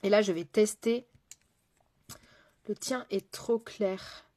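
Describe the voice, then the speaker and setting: A woman makeup artist hosts a live makeup session in a loose, chatty way. She talks to her viewers directly, picks up their comments as she goes, and often trails off or hesitates mid-thought. Her voice sits at an ordinary middle pitch. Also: steady tone, slow pace, warm tone. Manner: frequent fillers and trailing off mid-sentence.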